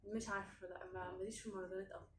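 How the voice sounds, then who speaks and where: A woman's voice: mid-range voice, level tone, very fast. A woman with an Egyptian Arabic accent, bantering competitively in a casual quiz game with a friend. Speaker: singing challenge contestant and questioner. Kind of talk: playful casual quiz chat. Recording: echoey room, faint background noise.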